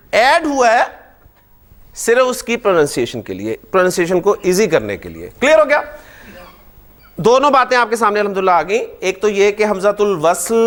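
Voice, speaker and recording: High-voiced, animated male grammar teacher. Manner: animated, asks the class frequent check questions. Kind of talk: classroom lecture.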